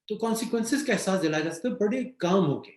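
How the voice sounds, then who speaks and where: A man's voice: sits high, expressive, a little mellow. A man with a Pakistani accent speaking in a webinar, answering questions on leadership in a conversational way with everyday examples and English phrases mixed in. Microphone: video call. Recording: echoey room sound.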